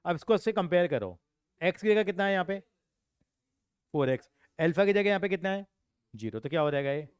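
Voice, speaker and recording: Man, tutor, explaining step by step, smooth voice, dry close sound. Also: high voice, animated, dry recording. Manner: explains step by step with quick questions to students. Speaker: accounts and maths tutor. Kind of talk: classroom teaching.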